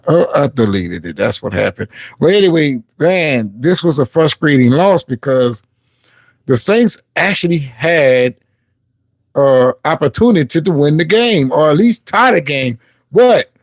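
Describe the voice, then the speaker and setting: A man's voice: fairly high pitch, no echo. A man hosting a casual sports live stream. He reads game stats aloud and chats with viewers. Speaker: sports livestream host.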